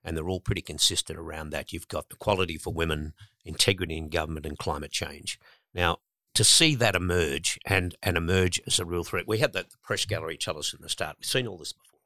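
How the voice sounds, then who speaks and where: A man's voice: sits low, fairly quick, bright, forceful tone, dry recording, studio quality. A man giving emphatic, conversational political commentary as an interview guest, often pushing his voice up on stressed words. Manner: emphatic, rising to indignant stresses, some repeated words.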